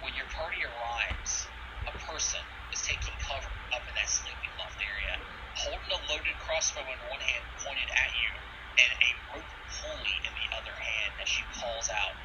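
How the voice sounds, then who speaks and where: A man's voice: mid-range voice, moderate pace. A man running a tabletop game as game master, moving between casual table talk and descriptive narration. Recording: distant mic with clear background noise.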